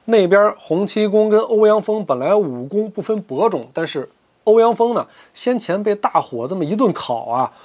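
Animated male storyteller with a lively voice. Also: high voice, breathy edge. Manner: dramatic, colloquial, with vivid asides. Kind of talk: traditional Chinese storytelling.

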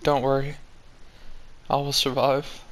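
Embittered male fox acted by a man, bright forceful tone, solemn hammy theatrics, wounded and earnest, comic dramatic reading. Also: mid-range voice, completely flat delivery, slow pace. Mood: wounded, resigned.

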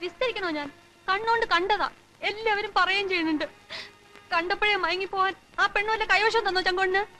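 A bitter, wounded young dancer. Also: female voice, very high-pitched, quick pace, pushed and bright, faint music behind, low-quality recording. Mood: angry. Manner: bitter, reproachful. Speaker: film character. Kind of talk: 1990s film acting.

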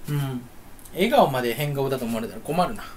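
Young man, solo home vlog, goofy and self-mocking, lively pitch. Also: a little fast. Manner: goofy, rambling, teases himself. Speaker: YouTuber. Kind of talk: solo casual chat to camera. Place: room at home, standing.

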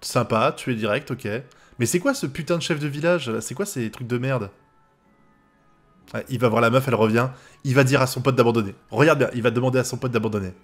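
A man's voice: mid-range voice, a little fast, soft background music. A man from France giving live reaction commentary on an anime episode, swearing often and breaking into laughter.

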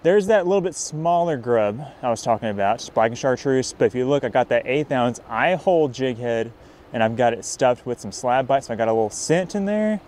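A young man narrating his night fishing trip by a riverbank in a casual vlog style. He gets excitable, whooping and hollering whenever a fish bites. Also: medium pitch, fairly quick, a little hiss or hum. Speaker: fishing vlogger. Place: riverbank near a dam at night, outdoors.

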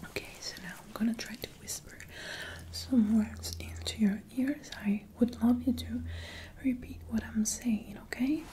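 Woman whispering right in ur ear, slow, a bit rough from the flu. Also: fairly high pitch, fairly even intonation. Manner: whispering close to the ear, slow single words. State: voice still rough after flu. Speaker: ASMR creator. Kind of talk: ASMR hearing test roleplay.

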